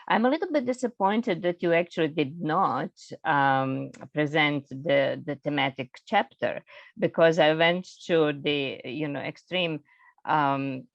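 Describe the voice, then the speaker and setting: A woman's voice: deep voice, unhurried, vocal fry, dry recording. A woman trade economist thanks the panel and speaks with gracious self-deprecation. Her voice comes through a dull, lo-fi video call. The sound is dry and close, with no room around it. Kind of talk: academic panel discussion.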